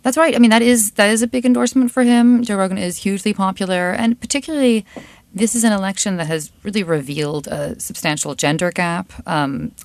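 A woman's voice: mid-range voice, steady tone, a little fast, dry recording. A woman reporter giving conversational political analysis as a studio interview guest. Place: radio studio.

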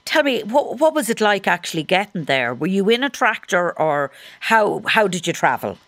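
A woman's voice: mid-range voice, big pitch swings, moderate pace, a bit bright, no room sound. An Irish woman presenting on radio and interviewing in a conversational, engaged way. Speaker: radio host. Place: radio studio.

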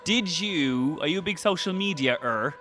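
A man's voice: on the high side, expressive, a little slow, fairly bright tone, a little hiss or hum. A man with an Irish accent hosting a light, casual radio interview in a jokey, teasing way. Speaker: radio host.

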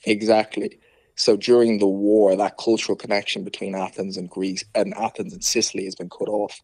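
A man's voice: lowish voice, flat delivery, normal speed, darkish tone, no echo. A man with a Dublin Irish accent, explaining things conversationally as an author in an interview and often rewording himself. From Ireland.

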